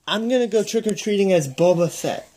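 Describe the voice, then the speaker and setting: A performer voicing a playful kid in a helmet costume who loves doing character voices, with a husky, dramatic delivery. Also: medium pitch, fairly quick, mellow, close to an everyday voice. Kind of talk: fan cartoon voice acting.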